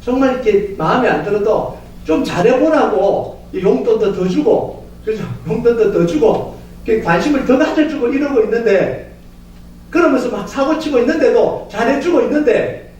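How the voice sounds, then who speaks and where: A male pastor preaching a sermon in a church, telling stories in an animated way and often acting out voices. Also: very high voice, moderate pace, highs cut off, slight background noise. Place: church sanctuary. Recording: echoey church from far off.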